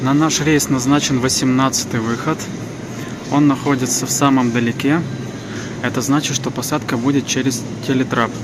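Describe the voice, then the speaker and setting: A man's voice: mid-range voice, fairly even intonation, moderate pace. A man giving a casual trip-report narration as a travel vlogger walking through an airport terminal. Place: large indoor airport terminal. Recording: noisy airport terminal ambience.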